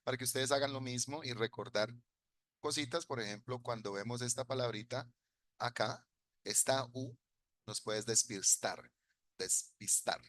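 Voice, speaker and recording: A man's voice: fairly low pitch, a bit bright, no echo. A man teaching an English class in Spanish, patiently explaining grammar and repeating phrases for his students. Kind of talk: bilingual classroom lesson.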